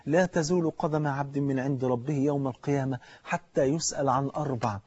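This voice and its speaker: A man's voice: mid-range voice, steady tone, a little fast, a little mellow, no echo, highs cut off. A man with an Egyptian Arabic accent preaching a sermon, fervently urging the listener directly.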